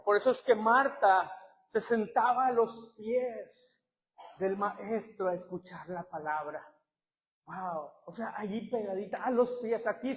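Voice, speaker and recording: Male pastor, Mexican accent, high pitch, lively pulpit delivery, long hall reverb. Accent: Mexican Spanish. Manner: animated preaching, swinging from quiet asides to shouts. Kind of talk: sermon.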